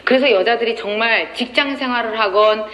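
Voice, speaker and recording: A woman giving a lively lecture, telling stories and acting out quoted dialogue with frequent laughter. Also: on the high side, fairly quick. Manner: animated, acts out quoted dialogue, laughs often. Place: lecture hall. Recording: echoey hall with faint noise.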